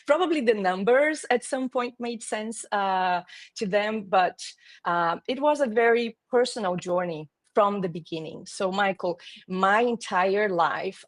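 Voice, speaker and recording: A woman in her forties with a Brazilian Portuguese accent talks earnestly over a video call, pausing and restarting as she gathers her thoughts. Her voice sits at an ordinary middle pitch, and the sound is close and dry. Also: dry recording. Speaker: guest, marketing executive. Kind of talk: conversational interview.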